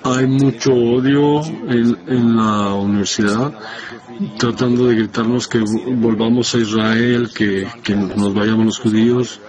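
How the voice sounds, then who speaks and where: A man giving a spoken testimony in a halting, hesitant way, breaking off and restarting his sentences. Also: mid-range voice, steady tone, darkish tone. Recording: dull lo-fi sound.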